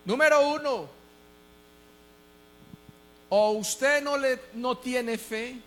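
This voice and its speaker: High-voiced Colombian pastor preaching. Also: male voice, very slow. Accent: Colombian Spanish. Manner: swings from quiet confiding to shouted emphasis. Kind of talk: sermon.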